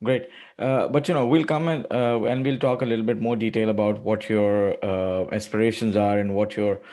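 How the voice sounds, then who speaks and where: Man, middle-aged podcast host, low-pitched, dark mellow tone, enthusiastic, rambling, filler-heavy. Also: steady tone, normal speed. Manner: enthusiastic, rambling with many "you know"s. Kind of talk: casual interview chat.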